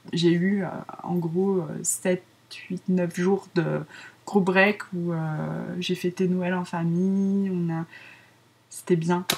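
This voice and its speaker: A woman's voice: fairly low pitch, breathy edge. A woman in her thirties with a French accent, hosting a craft podcast in a giggly, rambling casual chat full of fillers. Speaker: podcast host.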